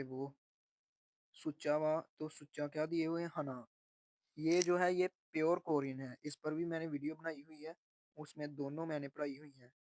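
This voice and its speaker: A man teaching a textbook lesson, slowly repeating each phrase and then explaining what it means. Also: fairly high pitch, darkish tone, no echo. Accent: Urdu-Hindi speaker. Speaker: Korean language teacher.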